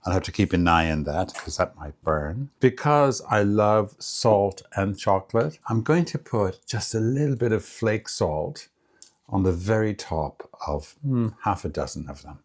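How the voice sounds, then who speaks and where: A cooking host with a deep, husky voice talks through a recipe in his home kitchen in a casual cooking demonstration. He sounds relaxed, chatty and unhurried, savoring each bite out loud as he tastes.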